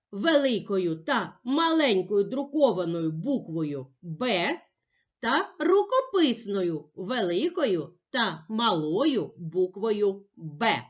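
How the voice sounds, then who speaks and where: A woman teacher giving a slow, clearly articulated lesson for young children. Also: medium pitch.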